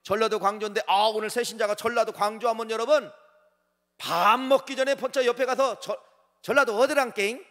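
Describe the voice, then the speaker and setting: High-voiced preaching man, reverberant church. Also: fairly quick. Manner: animated preaching, voice rising and falling, addresses congregation directly. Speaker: pastor. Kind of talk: sermon. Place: church sanctuary. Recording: church sanctuary with long reverb.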